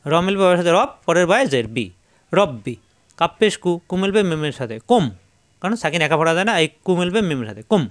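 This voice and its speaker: High-voiced man patiently drilling syllables. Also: sing-song. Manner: slow, patient, repeats each syllable for learners to echo. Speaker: Quran reading teacher. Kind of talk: step-by-step spelling lesson.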